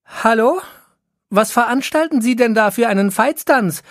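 During a storybook reading, a narrator voices an indignant woman who scolds a stranger in a raised voice, pitching it above the performer's own voice yet close to an everyday one. The voice is mid-range with lively intonation at normal speed, recorded at studio quality with no room sound.

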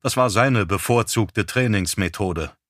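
A male narrator reads a novel slowly and deliberately, with a crisp, bright edge to his voice. The recording is close and completely dry, like a studio audiobook booth. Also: on the low side, no room sound.

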